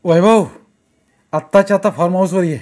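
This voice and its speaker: Man voicing bossy impatient man, loud, shouting orders, high voice, audiobook. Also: moderate pace, close to an everyday voice. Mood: commanding. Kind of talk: audiobook character reading.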